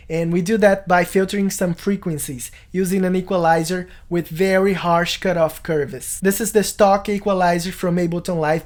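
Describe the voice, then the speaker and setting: A man's voice: sits high, a little mellow. A man in his thirties explaining things as a video tutorial host in a small home studio. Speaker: music production tutorial host.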